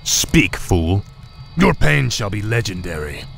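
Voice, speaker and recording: An actor playing a cold, menacing undead death knight in a video game, with an ancient, rasping, hollow kingly voice and imperious manner. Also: male voice, fairly low pitch, sing-song, slow pace, exaggerated voice. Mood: cold menace. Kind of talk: video game unit voice lines. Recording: loud game music and battle noise behind.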